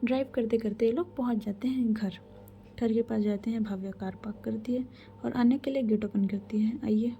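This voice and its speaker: A woman's voice: a little high, steady tone, brisk, dark tone, slight background noise. A woman storyteller narrating a love story in a chatty, casual way, often half-whispering and addressing the listener directly.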